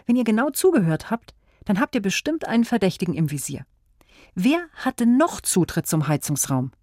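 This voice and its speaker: A woman's voice: medium pitch, sing-song, normal speed, a little mellow, no room sound. A woman hosting a children's mystery show, encouraging the listeners and asking them questions, close to a studio mic. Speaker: host. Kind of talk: quiz host addressing children.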